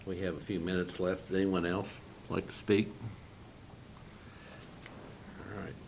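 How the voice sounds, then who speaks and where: Man, deep voice, gravelly, presiding official, relaxed. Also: unhurried, slight background noise, rough recording. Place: county meeting room.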